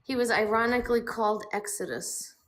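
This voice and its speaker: A woman's voice: a little high, fairly quick, a crowd in the background. Wry woman co-hosting a live stream. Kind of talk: casual chat on a live stream.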